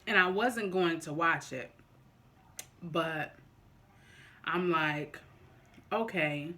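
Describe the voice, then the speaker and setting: A mid-pitched vlogger shares opinions casually with viewers. The delivery is slow and deliberate, halting often and circling back to rephrase. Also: pushed and bright. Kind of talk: casual opinion talk to viewers during a mukbang.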